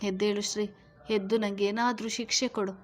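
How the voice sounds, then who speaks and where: A woman voicing a grieving young husband who pleads softly with his unconscious wife in a storybook reading. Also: medium pitch, little pitch movement, brisk, natural voice. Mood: pleading. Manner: soft pleading speech, begging.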